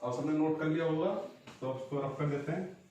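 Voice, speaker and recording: A man's voice: a little high, fairly even intonation, fairly quick, mellow, distant mic, highs cut off, slight background noise. Man teaching in an echoey room. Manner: explains patiently, draws vowels out long. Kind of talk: online exam-prep lesson.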